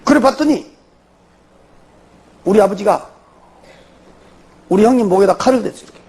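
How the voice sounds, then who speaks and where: An older man with a Jeolla accent, a church elder telling his testimony in an animated way and tossing in rhetorical questions. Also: sits high, normal speed, slightly rough. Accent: Jeolla Korean. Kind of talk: spoken testimony before a congregation.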